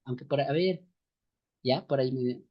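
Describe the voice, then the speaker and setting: Man, seminary teacher, slow and repetitive, dull lo-fi audio. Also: medium pitch. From Ecuadorian highlands. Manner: slow, repetitive, rhetorical questions tagged with "no". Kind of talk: online class lecture. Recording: dull lo-fi sound.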